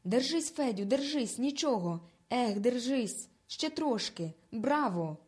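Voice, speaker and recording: A woman voicing an urgent village boy shouting encouragement during a rescue in a storybook reading. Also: a little high, expressive, slow.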